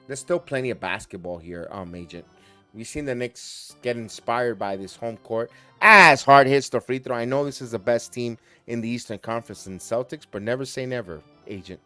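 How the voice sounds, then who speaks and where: A man hosting a live watch-along, calling play-by-play in quick bursts that rise on big plays and talking to chat viewers by name. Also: mid-range voice, bright, forceful tone, no room sound, soft background music. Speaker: host and play-by-play caller.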